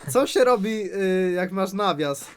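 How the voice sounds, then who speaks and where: A man's voice: high-pitched, lively intonation, measured pace. A man in casual chat with friends, teasing and cheering on a friend. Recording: noisy background with clicks.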